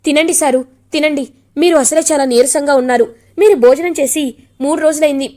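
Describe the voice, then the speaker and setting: Woman doing a gentle caring household woman. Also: high voice, fairly quick, natural voice. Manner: soothing, coaxing.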